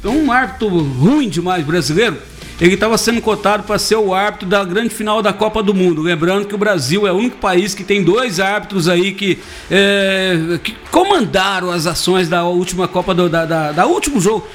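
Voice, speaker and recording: A sports commentator from Brazil, a man with a high voice, talks about football in a joking, animated way and teases his co-hosts. Faint music plays underneath. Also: normal speed. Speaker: sports commentator on a radio show. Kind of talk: casual sports talk.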